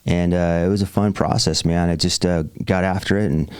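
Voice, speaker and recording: A man's voice: deep voice, steady tone, brisk, a little mellow, clear, resonant tone, no echo, clean studio sound. A man in his forties, a real estate investor guest on a podcast, telling his story with upbeat enthusiasm and plenty of fillers. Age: 40s. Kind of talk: podcast interview.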